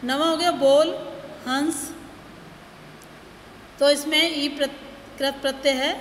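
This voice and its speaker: Woman teacher, high and unhurried, reading grammar examples word by word; roomy, echoing sound. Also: steady tone. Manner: slow, deliberate, lists words one by one. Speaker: school teacher. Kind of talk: grammar lesson. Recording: echoey room with long reverb, faint noise.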